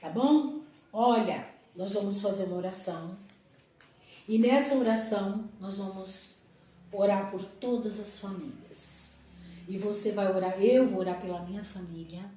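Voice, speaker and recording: A woman teaching a Sunday school lesson to young people, animated and acting out family dialogue as she speaks. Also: medium pitch, unhurried. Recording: very echoey hall, distant mic.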